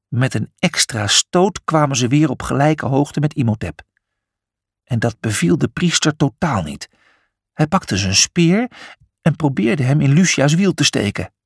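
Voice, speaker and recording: A man's voice: mid-range voice, animated, measured pace, slightly rough, no echo, studio quality. A man narrating a children's adventure story, reading expressively.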